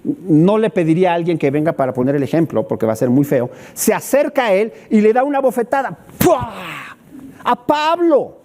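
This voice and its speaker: A man's voice: sits high, a little fast, few pauses. A middle-aged man with a Mexican accent preaching a sermon, acting out scenes and asking rhetorical questions. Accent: Mexican Spanish. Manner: animated, acts out scenes, asks rhetorical questions. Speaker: pastor.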